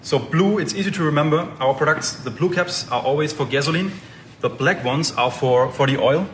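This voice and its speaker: A man's voice: a little high, a little fast, a little hiss or hum. A man representing an oil company, explaining a product with a hesitant, um-filled delivery. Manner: explanatory, hesitant with many ums.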